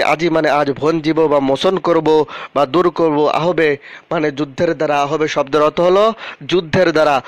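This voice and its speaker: A male teacher explaining a classic poem word by word, reading each verse line slowly before glossing it. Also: a little high, no echo.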